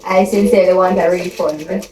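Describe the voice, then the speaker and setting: A woman's voice: on the low side, fairly even intonation, moderate pace, warm tone, roomy sound, a little hiss or hum, rough recording. Joking young woman vlogging on her phone. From Jamaica. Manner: joking, laughs a lot. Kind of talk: casual vlog chat. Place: home at Christmas. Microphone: phone camera.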